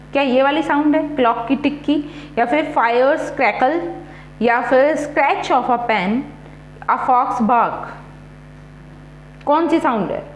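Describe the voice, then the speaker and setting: Woman teacher, high and slow, running a quiz lesson. Echoey room, faint hum. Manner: poses questions, repeats options slowly, then gives the answer. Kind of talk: exam prep quiz lesson.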